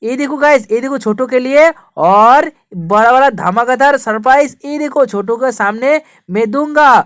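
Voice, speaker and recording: High-voiced woman hosting toy play. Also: normal speed, dry recording, clean studio sound. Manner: scolding, then showy and upbeat. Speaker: toy video host playing big brother. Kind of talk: toy play-acting for kids.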